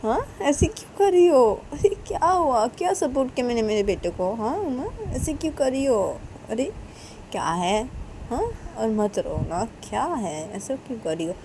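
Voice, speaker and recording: A woman's voice: fairly high pitch, expressive, moderate pace, darkish tone, slight background noise, pitched above the performer's own voice. A woman voicing a middle-aged mother who coaxes and soothes with repeated questions. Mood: soothing. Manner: coaxing and repetitive.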